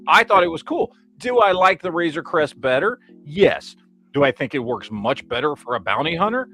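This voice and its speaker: A man hosting a casual live stream chat, talking in an animated way with lots of "you know what I mean.". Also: a little high, normal speed. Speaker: show host. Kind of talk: casual chat about toys and films. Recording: live stream with faint background music.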